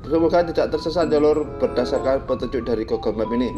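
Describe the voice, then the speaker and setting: Male motovlogger, casual jokey riding commentary, mid-pitched, clear music bed underneath. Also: fast talker, dull audio. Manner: chatty, jokey, addresses viewers as "Lur". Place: on a motorbike on village roads, outdoors. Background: background music.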